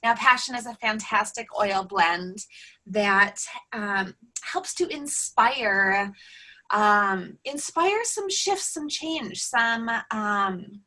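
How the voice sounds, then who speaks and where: A woman hosting a live webinar, presenting casually with many ums and pauses. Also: mid-range voice, animated, sharp tone, rough recording. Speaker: webinar host.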